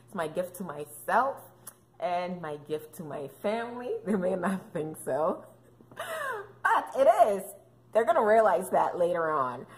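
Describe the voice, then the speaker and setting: Here the same kind of casual vlog chatter comes from a woman in her 30s with a mid-range voice, a fitness and mom vlogger who jokes around playfully and leans on fillers. A little hiss or hum sits under the audio.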